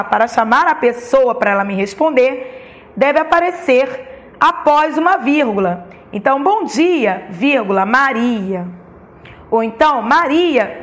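High-voiced Brazilian woman teacher. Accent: Brazilian Portuguese. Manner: explains step by step, saying each comma aloud. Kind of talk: recorded classroom lesson.

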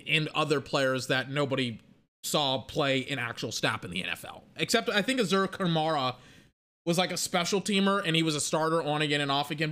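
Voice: mid-range voice, a bit bright. A young adult giving a heated, profane sports rant. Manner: angry, profane, fast ranting. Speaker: sports commentator.

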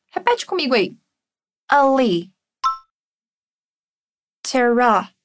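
A Brazilian woman with a high voice leads an English lesson, her first language Portuguese. She drills short phrases at an unhurried, careful pace for the listener to repeat, then explains them quickly between the drills. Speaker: English teacher.

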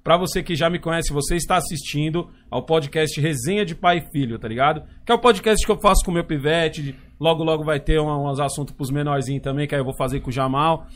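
A man's voice: on the high side, quick pace, few pauses. A middle-aged man, hosting a casual podcast with his son, slangy and swearing freely. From Brazil. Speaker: podcast host.

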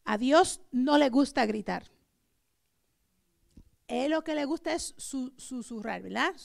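A woman pastor preaching a sermon, asking the congregation rhetorical questions and swinging between loud emphasis and soft asides. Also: high-pitched, lively intonation, slow pace, gravelly. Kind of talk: Pentecostal sermon.

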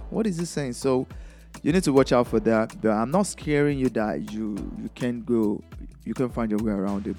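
A man's voice: on the low side, a little mellow. A man from Nigeria with a Nigerian accent, a DJ giving casual, chatty advice in a vlog and laughing often.

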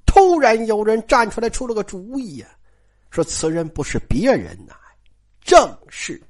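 A storyteller retelling a classic novel in a lively, colloquial manner with frequent exclamations. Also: mid-range voice, moderate pace.

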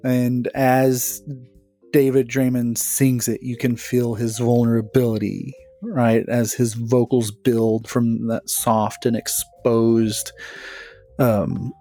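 A man's voice: medium pitch, flat delivery, slow, dark tone, faint music behind. Playfully argumentative podcast host, man. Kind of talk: casual chat.

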